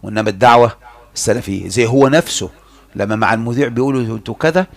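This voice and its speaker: A man with an Egyptian accent giving a heated religious lecture, mocking and animated, swinging between loud outbursts and hushed asides. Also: mid-range voice, racing, vocal fry. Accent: Egyptian Arabic.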